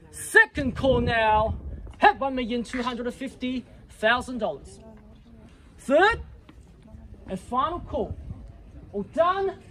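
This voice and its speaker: Male real estate auctioneer, extremely high voice, showy rallying patter and repeated bid calls. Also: a bit bright. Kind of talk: live auction calling, repeating bid amounts. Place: live property auction before a crowd.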